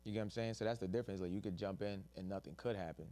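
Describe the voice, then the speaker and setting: A man's voice: sits low, steady tone, racing, mellow. A man hosting a casual podcast, talking loosely and slangily and joking with his co-hosts. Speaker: podcast host.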